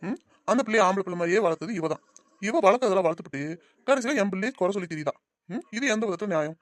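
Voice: medium pitch, racing, dry recording, lightly acted. A performer voicing an easygoing cartoon village dad. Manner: calm, coaxing, pleading to viewers. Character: easygoing village father, soft on his daughter. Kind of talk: cartoon voice acting.

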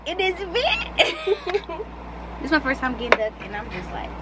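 A woman's voice: high-pitched, very animated, normal speed, heavy background noise. A young woman chatting casually to her viewers in a vlog, partly from her car, talking into a phone held at arm's length. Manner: chatty, playful, talks straight to viewers. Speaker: vlogger.

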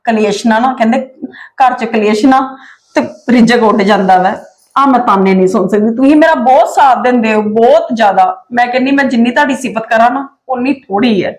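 A dutiful young daughter-in-law recovering from surgery, in a family drama, played by a woman. She pleads softly and stays deferential, in a slightly high voice. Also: fairly quick, lightly acted. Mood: pleading. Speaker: creator and actor.

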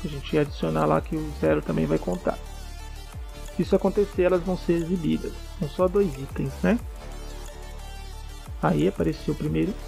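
A man walks through code in a casual screencast tutorial. His voice sits a little high and carries a gravelly edge. Faint music plays underneath as he explains each step. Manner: relaxed, explains step by step with frequent "né?" checks. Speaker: programming tutor.

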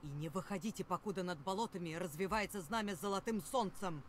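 A woman's voice: on the low side, quick pace, slight background noise, lightly acted. Actress as a stern, imperious warrior queen. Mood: stern warning. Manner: commanding, solemn. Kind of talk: video game voice acting. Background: game music.

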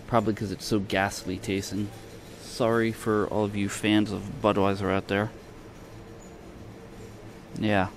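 In a large supermarket, a vlogger holds a camera and speaks from behind it, offering an unhurried, hesitant shopping tour full of long pauses and trailing fragments. His voice is fairly low with little pitch movement, and the store's ambience comes through clearly.

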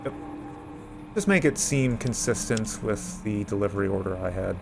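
This man's voice is fairly low and gravelly, expressive, and moderately paced, with background noise present. As a gameplay streamer and mod author, he gives a laid-back playthrough commentary, mock-taunting and swearing at the game's enemies.

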